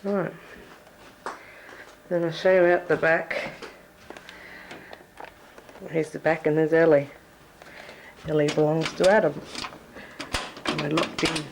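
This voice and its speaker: Walking through her family home and backyard, an Australian woman narrates a casual home-video tour, chatty and reminiscing. She speaks slowly in a low, flat voice with frequent pauses, and the camcorder mic gives poor audio with slight background noise.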